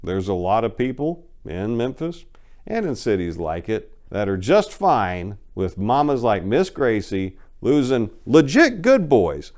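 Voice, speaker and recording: This crime writer, also a show host, reads his own story with drama and offers informal commentary to his audience. His medium-pitched voice is smooth with a darkish tone, and his manner is folksy, colloquial and emphatic.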